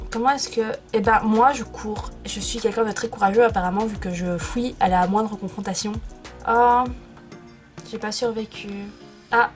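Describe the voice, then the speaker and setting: Chatty self-mocking young woman vlogger. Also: a little high. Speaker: YouTuber. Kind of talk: casual vlog chat. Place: her bedroom.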